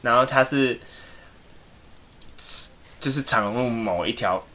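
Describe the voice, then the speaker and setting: A man's voice: medium pitch, slow pace, slight background noise. A man, co-hosting a podcast and telling a rambling story with lots of fillers. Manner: animated, rambling, many fillers. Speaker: podcast co-host. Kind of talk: casual storytelling.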